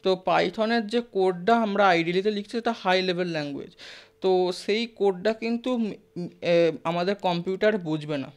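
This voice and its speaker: This live class lecture moves briskly, delivered by a teacher with a smooth, clear voice at an ordinary middle pitch. The teacher keeps it conversational, regularly checking in, questioning the class and slipping English technical words into the talk.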